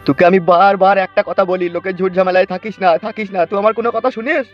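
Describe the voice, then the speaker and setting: A man voice actor in a family drama, hushing and pleading as he warns against more trouble. His lines come very fast. The sound is a little muffled, with soft music behind. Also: high-pitched, fairly even intonation. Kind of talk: emotional village drama acting.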